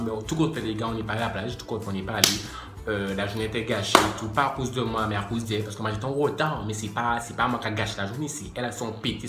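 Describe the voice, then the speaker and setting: A man's voice: mid-range voice, heavy background noise. A man telling a casual storytime to his viewers, slangy and chatty, addressing them directly. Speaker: YouTuber. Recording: echoey room with faint music.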